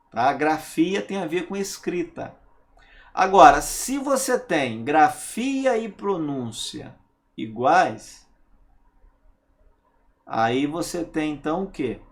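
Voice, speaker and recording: A man teaching a grammar lesson, stressing single words and asking rhetorical questions to check understanding. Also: a little high.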